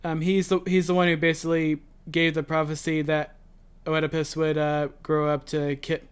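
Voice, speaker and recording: A man's voice: a little high, flat delivery, moderate pace, smooth. A man hosting a casual reaction chat, explaining background at length with frequent fillers and restarts. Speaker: reaction show host.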